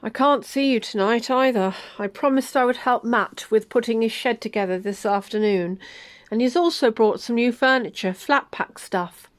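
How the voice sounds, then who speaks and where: A woman voicing a young man, an evasive boyfriend who talks in a flat, soft, hurried way. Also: fairly high pitch, no room sound, close to an everyday voice.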